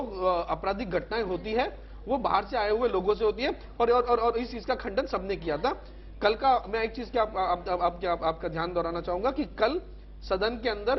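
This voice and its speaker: A man speaking as a political panelist in a televised debate, halting, with many repeated words and restarts. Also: high-pitched. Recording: slightly dull TV broadcast audio.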